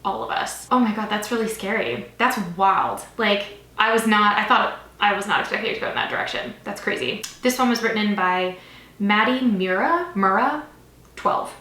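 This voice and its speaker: A woman's voice: mid-range voice, animated, brisk, hardly any pauses, sharp tone. A young woman hosting a horror story channel, reading viewer stories aloud and breaking off into rambling, apologetic asides. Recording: roomy echo.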